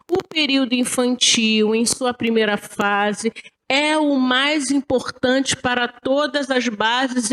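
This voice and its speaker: Her voice high and her manner chatty, a Brazilian woman animatedly recounts stories during a spiritist religious lecture held in a lecture hall.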